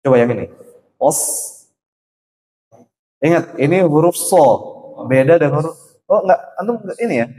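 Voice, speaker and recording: A man teaching a Quran recitation class in a mosque, repeating letter sounds slowly to show how they are said. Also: on the high side, expressive, mellow. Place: mosque study session.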